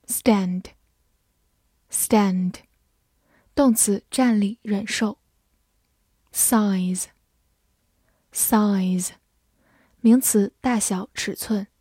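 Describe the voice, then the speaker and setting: A woman with a Mandarin Chinese accent reading English vocabulary for review. She repeats each word slowly, then gives its Chinese meanings. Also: mid-range voice, mellow, husky, no echo, clean studio sound.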